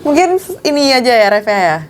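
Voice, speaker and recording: A woman's voice: high voice, very animated, a little fast. A young woman, a pageant titleholder, chatting casually as a guest, giggling often and filling her talk with little fillers. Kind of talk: casual chat.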